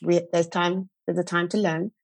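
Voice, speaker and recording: A woman's voice: lowish voice, little pitch movement, normal speed, vocal fry, dry recording. A woman with a South London accent, a teacher speaking in a thoughtful, conversational way on a podcast.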